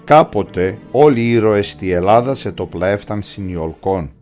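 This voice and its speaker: A man's voice: fairly low pitch, expressive, darkish tone, close to an everyday voice. A man playing the heroic leader Jason in a cartoon, recounting the voyage in Pontic Greek-accented, solemn storybook narration. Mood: solemn, proud. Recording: voice over continuous music.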